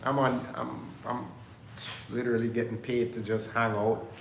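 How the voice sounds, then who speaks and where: A man's voice: mid-range voice, little pitch movement, normal speed, gravelly, a little hiss or hum. A man from Jamaica talking casually to camera in a loose, rambling way, from an indoor workplace under renovation. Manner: loose, rambling, preachy self-motivation talk. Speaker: vlogger. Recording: echoey room with faint ambience.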